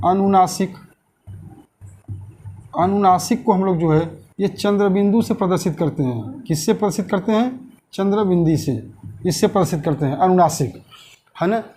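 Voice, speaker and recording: In a warm, high-sitting voice, a man runs a grammar class online, raising questions and answering them on his own. He repeats the key terms slowly.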